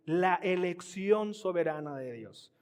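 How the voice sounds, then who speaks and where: A man's voice: sits high, lively intonation, slow, darkish tone. A man preaching a sermon with a Mexican Spanish accent, teaching in a conversational way and calling the congregation family. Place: church hall. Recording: long hall reverb.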